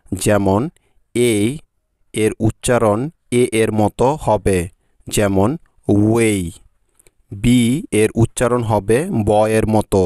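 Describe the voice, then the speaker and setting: A man's voice: fairly low pitch, little pitch movement, slow, long pauses, dark tone, dry recording, studio quality. A man narrating a scripted language lesson, spelling out letters and their sounds one at a time. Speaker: English teacher.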